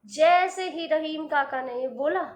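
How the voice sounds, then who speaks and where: A woman narrating a children's story in a lively, expressive way. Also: sits high, unhurried, roomy sound.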